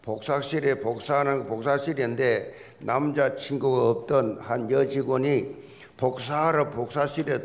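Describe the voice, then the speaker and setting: A man's voice: mid-range voice, creaky. A man preaching a Sunday sermon in a church, a pastor with a folksy, joking storytelling manner. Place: church sanctuary.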